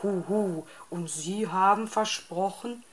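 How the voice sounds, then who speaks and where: A woman's voice: medium pitch, slow pace, natural voice. A woman voicing a polite, fussy old male owl in a storybook reading, hooting now and then.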